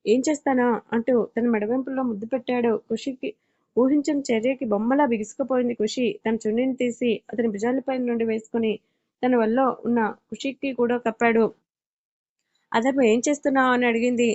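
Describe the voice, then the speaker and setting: A woman's voice: fairly high pitch, darkish tone. Woman reading a love story, lo-fi sound. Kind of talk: reading a romance story aloud, voicing both lovers. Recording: dull lo-fi audio.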